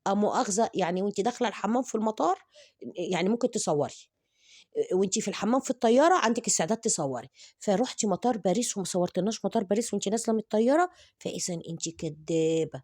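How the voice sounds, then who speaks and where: A woman with an Egyptian accent rattles off sarcastic, taunting commentary at a quick clip. She is recorded dry and close, with no room sound. Her pitch sits in a middle range. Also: lively intonation, warm tone, no room sound. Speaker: commentary vlogger. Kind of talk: mocking commentary.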